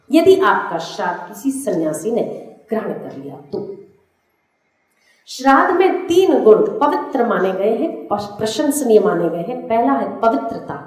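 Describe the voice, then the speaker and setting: A woman gives a religious discourse in a slightly high voice, slow and deliberate. She teaches step by step and repeats each list for the audience to note down. Her voice rings through a very echoey hall. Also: a little mellow. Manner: slow, didactic, repeating lists for note-taking. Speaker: spiritual teacher.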